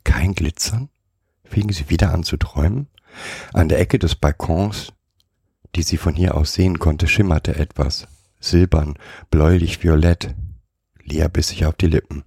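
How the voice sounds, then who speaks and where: A man reading a story aloud for a podcast, in a calm, measured way. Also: rumbling low, vocal fry, husky, dry recording, studio quality.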